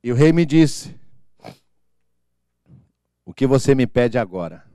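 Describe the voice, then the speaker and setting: An animated pastor preaching, his voice leaping around in pitch as he moves from hushed, low asides to booming declarations. The tone is clear and resonant, the recording close and dry. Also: slow, no room sound. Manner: animated, mimics church members with comic voices; swings from soft low asides to loud proclamations. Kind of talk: lively preaching sermon.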